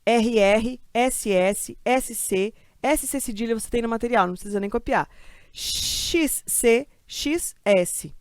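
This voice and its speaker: A woman from Brazil with a fairly high voice gives a grammar class for exam takers. She talks in a lively, chatty way and keeps posing questions to the class, then answers them herself. The sound is dry and close, with no room echo. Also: slow, clean tone. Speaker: teacher. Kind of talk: exam-prep grammar lesson.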